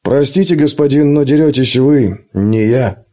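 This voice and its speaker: A man doing a quiet, steady bodyguard. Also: medium pitch, lightly acted. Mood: calm steady. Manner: quiet, measured. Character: calm male bodyguard, steady and respectful.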